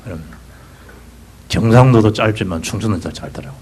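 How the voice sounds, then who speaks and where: A man with a Gyeongsang Korean accent preaching a sermon as pastor, swinging between loud bursts and hushed whispers. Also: on the low side, expressive, moderate pace, slight background noise, low-quality recording. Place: church sanctuary.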